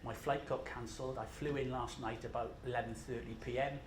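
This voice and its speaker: Speaking fairly quickly with fairly even intonation, a Scottish man at medium pitch gives a casual, self-deprecating talk at a conference. Fillers crowd his jet-lagged delivery. Faint noise and echo fill the large conference room.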